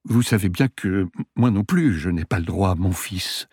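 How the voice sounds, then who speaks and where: A man reading aloud, voicing a gentle, uneasy young priest who speaks in a soft, restrained way. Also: low-pitched, expressive, a little slow, husky, no echo, studio quality, full character voice.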